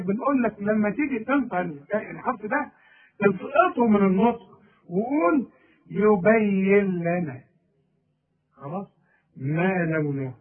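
Egyptian guy teaching quran recitation, explains then recites slowly, sounds like a phone line. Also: sits high, husky. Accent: Egyptian Arabic. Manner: explains rules, then models slow drawn-out recitation. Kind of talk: tajweed lesson.

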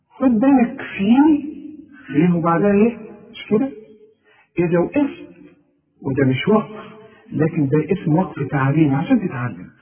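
A man with an Egyptian accent teaching tajweed, patiently explaining rules and slowly repeating words to demonstrate them. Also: on the high side, phone-quality sound. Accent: Egyptian Arabic. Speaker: Quran recitation teacher. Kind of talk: tajweed lesson with recited examples.

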